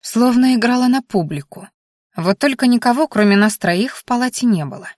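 A woman narrating a first-person audiobook in a lively, expressive way, also reading her heroine's lines. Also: on the high side, fairly quick, dry recording, clean studio sound.

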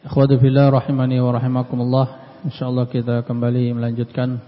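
A man giving a religious study lesson, reading Arabic passages and explaining them plainly, often repeating key words and clearing his throat. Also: medium pitch, completely flat delivery, fast. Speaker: Islamic study teacher. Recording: dull lo-fi audio with long hall reverb.

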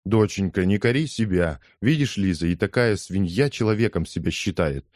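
Speaking at a moderate pace, a man with a low-pitched, animated, slightly mellow voice performs an audiobook character. The studio-quality recording has no echo. His character is an outraged older woman, a loud gossiping mother who scolds indignantly and rambles on.

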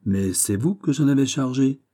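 A man's voice: mid-range voice, moderate pace, mellow, voice pushed up, lightly acted. A man reading an audiobook, voicing a proud young king who questions sharply and haughtily. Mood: indignant.

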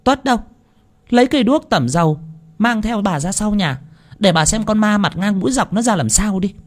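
A man voicing a bossy, short-tempered landlord's wife who scolds sharply in a high voice. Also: expressive, normal speed. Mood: scolding.

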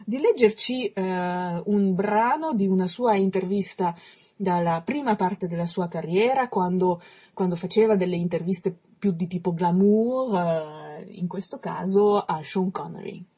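A woman radio host introducing a reading in a hesitant, relaxed way with filler pauses. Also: on the low side, breathy edge.

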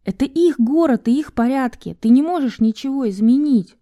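An earnest, patient young woman in an audiobook, urging and soothing in a raised, clear pitch, as a woman narrator plays her. Her tone is warm and dark, and the recording is dry and close. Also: lively intonation, normal speed, no echo. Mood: urgent. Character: calm, cautious young blonde woman, patient and persuasive.

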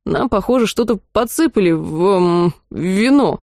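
A woman's voice: mid-range voice, animated, moderate pace, a little mellow, no echo, studio quality, close to an everyday voice. A woman reading the part of a sheepish, hungover young male student who mumbles his words in an audiobook. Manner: mumbling, groaning and apologetic.

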